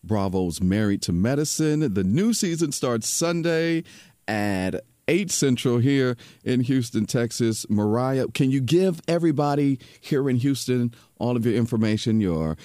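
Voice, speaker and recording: A man hosting a radio interview in a smooth, laid-back, quiet late-night voice, chatting casually. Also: mid-range voice, lively intonation, normal speed, no echo, clean studio sound. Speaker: radio host.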